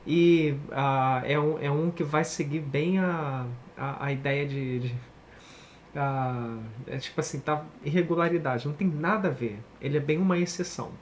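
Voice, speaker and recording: A man with a Brazilian Portuguese accent giving a casual online English lesson, chatty and animated, often checking in with the viewer. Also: fairly high pitch, normal speed, a little hiss or hum. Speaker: English teacher.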